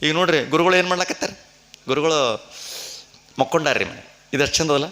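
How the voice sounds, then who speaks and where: Male preacher, bright and forceful, a dramatic storytelling sermon. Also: fairly high pitch. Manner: acts out characters' cries and shouts, then explains to the audience. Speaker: religious storyteller. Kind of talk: dramatic devotional purana sermon.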